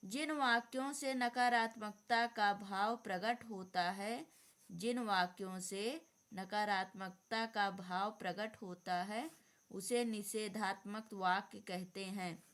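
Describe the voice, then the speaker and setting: A woman's voice: mid-range voice, fairly even intonation, takes it slowly, fairly bright tone. A woman teacher giving an exam-prep grammar lesson, dictating definitions and repeating them.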